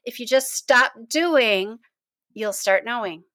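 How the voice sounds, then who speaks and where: A woman co-hosting a casual book chat, telling stories in an animated way and laughing often. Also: a little high, slow, dry recording. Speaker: co-host of a book discussion.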